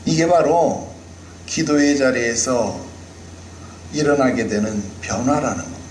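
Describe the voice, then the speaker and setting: A man's voice: mid-range voice, unhurried, echoey room, a little hiss or hum, poor audio. A male pastor preaching a sermon with emphasis, often putting rhetorical questions to the congregation.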